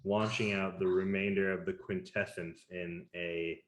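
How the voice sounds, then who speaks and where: Male game master, lowish voice, roomy sound, calm storyteller. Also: unhurried. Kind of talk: narrating a tabletop game. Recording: roomy echo.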